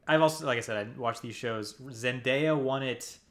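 A man hosting a casual chat about TV awards, earnest and quick to laugh, with hesitant fillers. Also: medium pitch, a bit bright. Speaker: podcast host.

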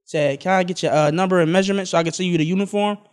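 A man's voice: sits high, steady tone, very fast. A man in his twenties, a podcast co-host rambling through a story in casual chat, often laughing. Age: 20s.

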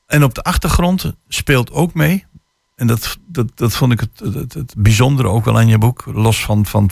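Gravelly, low radio host. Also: male voice, darkish tone, dry recording, clean studio sound. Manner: hesitant, repeats words. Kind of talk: radio interview. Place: radio studio. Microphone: studio microphone.

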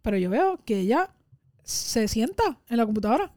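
A woman's voice: fairly high pitch, moderate pace, dry recording, clean studio sound. Chatty woman telling work stories. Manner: animated anecdote-telling, mixes in English words. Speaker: podcast co-host. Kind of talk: casual storytelling chat.

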